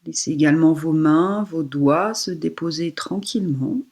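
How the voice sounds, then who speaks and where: Her voice is low, soft and breathy as this woman yoga instructor leads a relaxation meditation. She delivers soothing instructions at an unhurried pace, with pauses.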